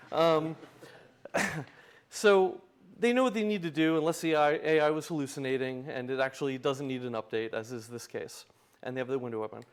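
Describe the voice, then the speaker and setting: A man presenting a live demo in a tech lightning talk, with wry, self-deprecating humor. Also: on the high side. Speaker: tech conference speaker, open source project founder.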